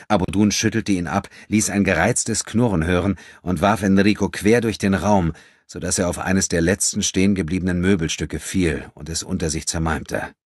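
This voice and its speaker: Deep husky male audiobook narrator. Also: dry recording, clean studio sound. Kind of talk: scripted narration.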